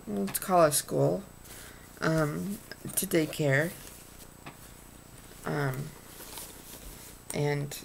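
Talking at the webcam on her desk, a vlogger in her thirties shows her purchases and rambles along with ums and restarts. Her voice is low with vocal fry, and the small room she's in has a noisy background.

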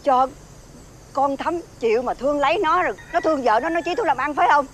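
An actress playing an exasperated middle-aged mother in a TV fairy-tale drama, with a shrill, scolding, wailing manner. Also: brisk, fairly bright tone, slight background noise. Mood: fretting.

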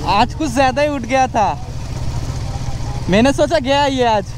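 Young guy motovlogging, high-ish voice, loud traffic and engine noise all around. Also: a little slow. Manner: excited, chatty, keeps calling out to viewers. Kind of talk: casual running commentary while riding. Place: outdoors on busy city roads, riding a motorcycle. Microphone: action camera on the rider.

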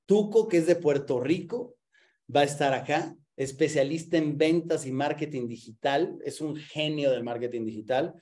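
A man's voice: on the high side, a little mellow. A man, a business coach giving an online masterclass in an enthusiastic, emphatic sales style over a video call.

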